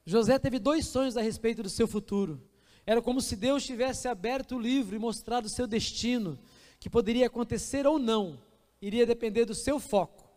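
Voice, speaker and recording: A man's voice: very high voice, a little fast, darkish tone. A man with a Brazilian Portuguese accent, a pastor preaching an emphatic storytelling sermon in a church. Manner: storytelling, emphatic, acts out scenes. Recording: reverberant church hall.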